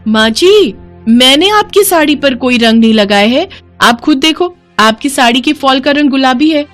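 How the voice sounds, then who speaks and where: A woman voicing a young daughter-in-law in a cartoon, quick, defensive and excitable. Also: high-pitched, faint music behind, voice pushed up. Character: young wife, fibbing, flustered daughter-in-law. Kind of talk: cartoon voice acting.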